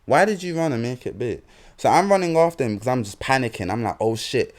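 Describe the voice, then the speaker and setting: A man's voice: medium pitch, big pitch swings, fast talker. A young man with a London accent, co-hosting a podcast and telling rambling stories full of slang in casual chat. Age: young adult. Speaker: podcast co-host.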